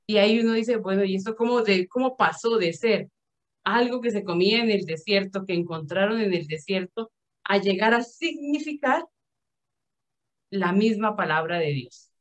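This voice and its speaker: A woman's voice: medium pitch, moderate pace. A woman who thinks aloud as she explains a reading to a Bible study group. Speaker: speaker in a virtual Bible study. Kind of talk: explanatory talk. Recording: dull, muffled sound.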